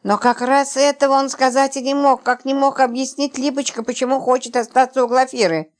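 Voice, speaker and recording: A woman's voice: high-pitched, flat delivery, a little fast. Woman narrating an audiobook. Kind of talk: scripted narration.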